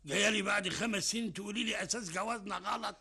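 A devoted, pleading husband in an Egyptian radio play. His voice is high and bright, with a husky edge, and his words tumble out fast. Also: steady tone, heavily acted. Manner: pleading, eager, talks over his wife. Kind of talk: classic Egyptian radio drama acting.

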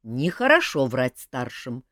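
A woman voicing a grumpy, stern man in a fantasy audiobook, gruff and lecturing. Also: fairly low pitch, sing-song, moderate pace, no echo, clean studio sound, voice pushed up. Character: grumpy, stern adult man, sharp-tongued.

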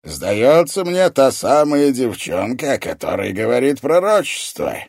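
A scornful evil sorcerer with a hoarse, barking voice, put on by a male narrator. He drawls slowly and booms, lifted high above the reader's own register. The audiobook recording is dry and close. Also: very animated, no room sound, heavily acted. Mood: mocking. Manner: slow, loud, commanding. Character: hidden evil sorcerer, booming, menacing, mocking.

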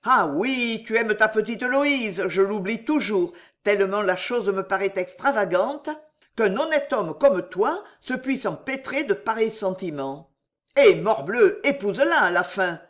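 A reader voicing a gruff, loud old soldier of fortune who swears heartily, in an audiobook. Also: mid-range voice, animated, a little slow. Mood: blustering. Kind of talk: audiobook character reading.

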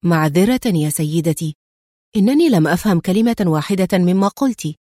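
A woman reading an audiobook thriller voices a calm, sardonic male secret agent, pitching her voice below her own natural range. He speaks steadily, drily and a little fast, with a mildly mocking calm. The recording is close and dry, with no room around it.

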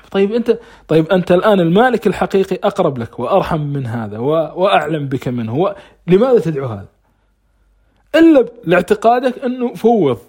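A man's voice: high-pitched, a little mellow, husky. A man giving an informal religious lesson on scripture, asking rhetorical questions and answering them himself. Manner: recites scripture between conversational explanation. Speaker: religious teacher.

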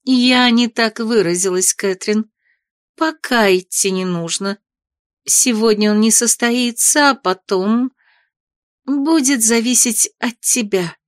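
A woman reading an audiobook, voicing a noble mother who speaks in a measured, formal, gently reproving way. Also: fairly high pitch, dry recording, clean studio sound. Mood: calm. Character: noble mother, gentle but stern lady. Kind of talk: audiobook character voice.

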